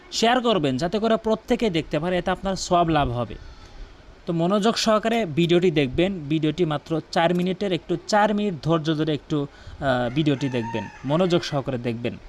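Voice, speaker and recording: A man teaching Quran recitation. He chants the verses slowly and drawn out, then repeats single words to contrast the wrong pronunciation with the right one. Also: high-pitched. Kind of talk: recitation lesson with corrections.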